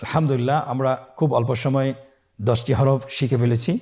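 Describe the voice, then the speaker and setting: A man teaching Quran letter pronunciation step by step, slowly drawing out each letter for the listener to repeat. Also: mid-range voice, fairly even intonation, a little mellow. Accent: Bangladeshi Bengali. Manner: slow, drawn-out model pronunciations for the listener to repeat.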